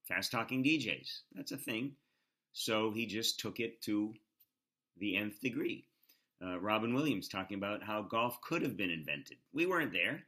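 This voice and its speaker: A man hosting, explaining comedy clips in a relaxed, explanatory way with hesitant fillers. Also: lowish voice, normal speed. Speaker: host.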